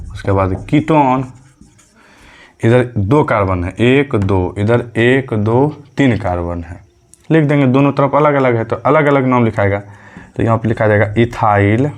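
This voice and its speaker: A male chemistry teacher giving a medium lesson, patiently repeating key terms as questions and counting aloud step by step, with a light tinge. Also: on the low side. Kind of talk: classroom lesson.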